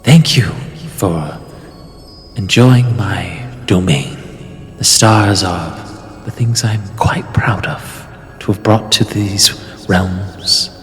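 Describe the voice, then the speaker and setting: A man's voice: fairly low pitch, slow pace, fairly bright tone, soft background music. Man voicing an unearthly, echoing, stately star goddess. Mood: serene pride. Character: vast graceful star goddess, female, welcoming, proud. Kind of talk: in-character tabletop role-play.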